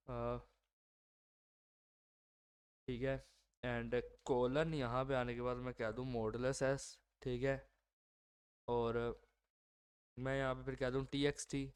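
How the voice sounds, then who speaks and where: A man's voice: medium pitch, clean tone. Hindi-speaking man narrating code, sore throat. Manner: thinks aloud, many fillers and self-corrections. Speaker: coding tutorial host. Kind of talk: screen-recorded coding walkthrough.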